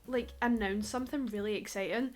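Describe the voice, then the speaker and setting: A woman's voice: medium pitch, steady tone, fairly quick, darkish tone, soft background music. A woman with a Scottish accent rambling in a chatty way over her gameplay, laughing often. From Scotland. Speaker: Sims YouTuber. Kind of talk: casual gameplay commentary.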